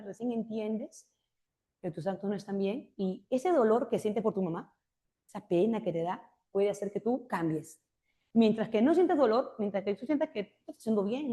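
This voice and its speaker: A woman's voice: medium pitch, a little mellow. A woman giving a classroom literature lecture, explaining points and often checking with rhetorical questions. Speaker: literature teacher.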